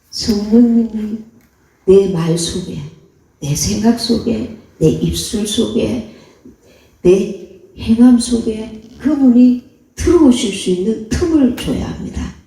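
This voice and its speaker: A woman's voice: fairly high pitch, dark tone, far from the mic. A woman missionary preacher delivering an earnest, exhorting sermon in a church. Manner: earnest, exhorting, acts out quoted voices. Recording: echoey hall, voice off-mic.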